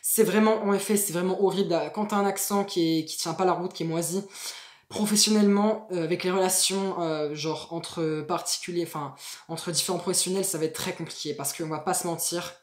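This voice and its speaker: Woman, co-host, casual slangy explaining, low-ish pitch, trailing soft endings, echoey room. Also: fairly even intonation, brisk. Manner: slangy, trails off softly at phrase ends. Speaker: language-learning video co-host.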